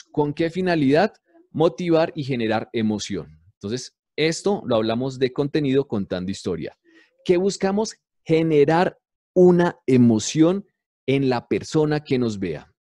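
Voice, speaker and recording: A man talks through how radio tells stories, firing rhetorical questions and then answering them himself. His voice is mellow and dark, and it sounds dry and close. He speaks like a teacher walking a class through each step. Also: mid-range voice, lively intonation, normal speed, no room sound. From Colombia. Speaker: university radio producer and teacher. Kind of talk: explanatory talk on radio storytelling.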